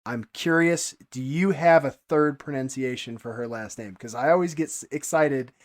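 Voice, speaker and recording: Upbeat guy hosting a movie podcast, mid-pitched voice, laughs easily. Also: moderate pace. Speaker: podcast host. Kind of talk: casual movie-talk chat.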